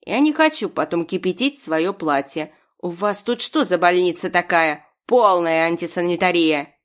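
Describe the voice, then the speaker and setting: A bossy old woman doctor barks her orders, low and loud, voiced by a woman reading an audiobook. She speaks in a hard, commanding way and puts up with no argument. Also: moderate pace, close to an everyday voice. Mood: imperious. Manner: commanding, barking. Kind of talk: audiobook character voice.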